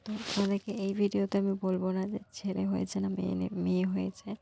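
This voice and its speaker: A young woman, hoarse from a cold, talking softly to her viewers in a casual vlog. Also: completely flat delivery, quick pace, slight background noise. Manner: soft, low-volume talk. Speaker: vlogger.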